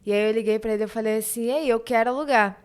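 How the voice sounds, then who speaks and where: Brief: young Brazilian woman, fairly high voice, lively anecdotal chat. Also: fast talker, clear, resonant tone. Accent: Brazilian Portuguese. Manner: animated storyteller, quotes others in dialogue. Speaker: guest, eyebrow studio owner. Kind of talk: casual podcast chat.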